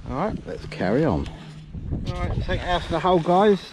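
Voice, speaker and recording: In a fairly high, sing-song voice, a middle-aged man chats briskly and informally while vlogging about metal detecting. He's outdoors in an open field, keeping his commentary colloquial and matey. His action camera catches windy noise from outside.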